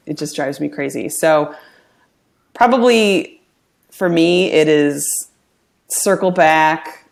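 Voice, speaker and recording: Low, gravelly-voiced middle-aged woman. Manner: upbeat, laughs often, chatty storyteller. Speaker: podcast guest. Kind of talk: casual interview chat.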